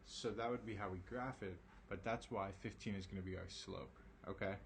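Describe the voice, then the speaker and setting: A math teacher with a low, raspy voice works through a recorded algebra lesson, tired from the late hour. He talks briskly in a steady tone, staying casual and reassuring and checking in with lots of ums and okays, while a faint noise sits in the background.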